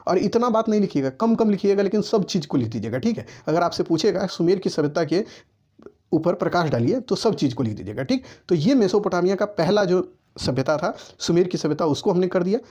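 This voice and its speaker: This history teacher's voice sits high with a warm tone, though the recording is muffled. Lecturing students for their exams, he tells them directly what to write and keeps repeating "ठीक है" to check they're following.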